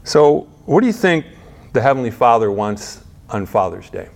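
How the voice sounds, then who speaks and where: A middle-aged pastor preaches conversationally at normal speed, asking rhetorical questions, restarting sentences, and shifting between quiet asides and raised points. His mid-range voice is gravelly, with big swings in pitch.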